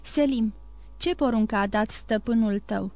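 A woman's voice: on the high side, a little mellow, dry recording, close to an everyday voice. A woman voicing a grave, dignified mother. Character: frightened but dignified mother. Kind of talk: audiobook character reading.

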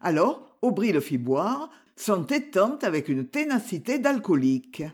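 A reader narrating a detective novel in a measured, expressive way. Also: mid-range voice, breathy edge.

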